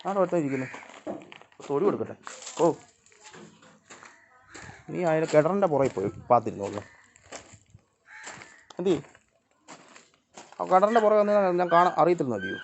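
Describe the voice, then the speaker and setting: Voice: medium pitch, big pitch swings, moderate pace, pauses often, a little hiss or hum. A vlogger chatting to their cats in a coaxing, teasing voice, recorded with dull lo-fi sound. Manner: coaxing, teasing sing-song talk to animals. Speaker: pet vlogger. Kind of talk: casual talk to pet cats.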